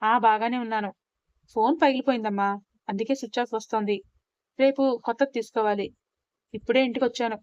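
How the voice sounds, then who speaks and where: A reserved young husband, calm and soft-spoken, shy about showing his love, as a woman narrator reads him in her own fairly high voice. The sound is dry and a little muffled. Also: fairly quick, long pauses, dry recording, natural voice. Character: quiet young husband, reserved but loving.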